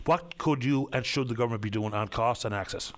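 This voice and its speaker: A man's voice: medium pitch, a little fast. A man hosting a radio interview, asking pointed, long-winded questions. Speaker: radio host.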